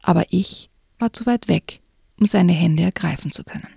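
A woman reading a children's book excerpt aloud in a hushed, often whispered way, then chatting about it. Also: lowish voice, normal speed, creaky. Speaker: reader and co-host.

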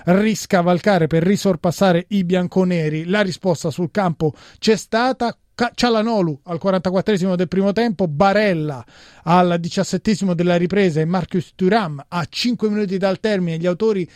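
A man's voice: high voice, moderate pace, a little mellow, no room sound. A man presenting a football round-up, going through results and match reports as a studio presenter. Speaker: sports radio presenter.

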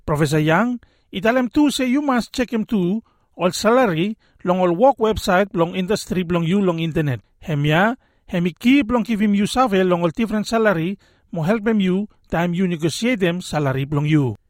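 A man's voice: high-pitched, normal speed, no room sound, studio quality. A man with a Solomon Islands accent presenting a scripted explainer in Solomon Islands Pidgin. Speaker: radio presenter.

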